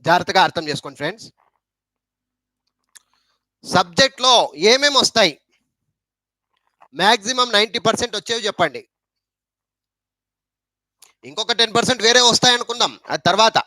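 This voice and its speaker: A man's voice: high-pitched, expressive, a little fast, pauses often, pushed and bright, dry recording. Man, Telugu accent, grammar teacher, rhetorical questions, dry close sound. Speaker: English teacher. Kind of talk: spoken English lesson in Telugu.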